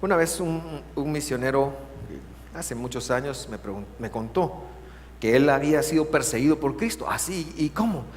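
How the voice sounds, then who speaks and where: A man with a Guatemalan accent preaching a sermon as pastor, moving between loud emphasis and hushed, drawn-out words. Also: mid-range voice. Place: church sanctuary. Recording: reverberant hall, faint hum.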